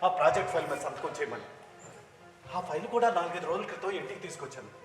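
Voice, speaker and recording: A man's voice: on the high side, expressive, racing, close to an everyday voice. A man playing an honest, exasperated husband in a stage play, scolding and agitated. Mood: worried. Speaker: stage actor. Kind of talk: stage drama acting. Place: stage in a hall. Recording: echoey hall recording with music.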